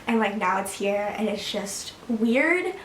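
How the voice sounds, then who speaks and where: Talking to camera from home, a teenage vlogger of seventeen rambles casually to her viewers, full of fillers and small laughs. She speaks slowly yet animatedly, in a medium-pitched, fairly bright voice. Recorded far from the mic in an echoey room, the clip has slight background noise.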